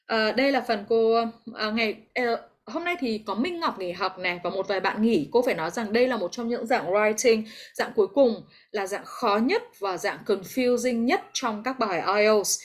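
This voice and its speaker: With a mid-range, animated voice, a Vietnamese-accented woman teaches English online via video call, explaining patiently and encouraging her students. She moves at a moderate pace and barely pauses.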